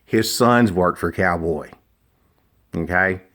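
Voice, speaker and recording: A middle-aged man explaining and demonstrating handmade products informally, in a deliberate, emphatic and opinionated manner. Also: low voice, a bit bright. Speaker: duck call maker.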